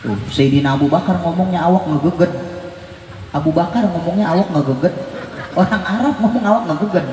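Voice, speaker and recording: A man preaching a humorous sermon, telling stories with teasing asides and occasional shouts. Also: sits high, brisk. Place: large mosque hall with PA system. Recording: very echoey hall, faint room noise.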